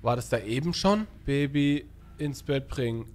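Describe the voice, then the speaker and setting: A man casually commenting on a horror game as he plays, excitable and joking, bantering in slang with an in-game baby. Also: medium pitch, measured pace, a little hiss or hum. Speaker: gaming YouTuber. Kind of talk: casual let's-play commentary.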